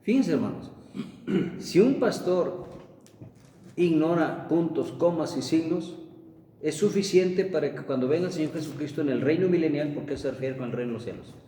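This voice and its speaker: A man preaching a sermon, rising emphatically to quote scripture and then dropping low. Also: moderate pace, dark tone, a little hiss or hum. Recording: echoey room heard from a distance.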